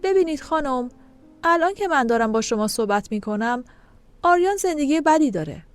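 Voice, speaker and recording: Brief: woman reading a pushy adult man caller in an audio story, firm and pressing, fairly high and lively, soft music behind. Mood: insistent. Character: blunt insistent adult man on the phone.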